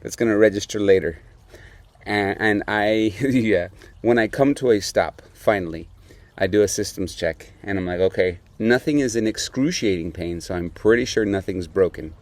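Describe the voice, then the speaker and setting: Young adult male host with a lowish voice, relaxed anecdote delivery with lively quoted voices. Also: moderate pace. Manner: animated, laughs often, acts out quotes. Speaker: beer podcast host. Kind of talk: casual storytelling.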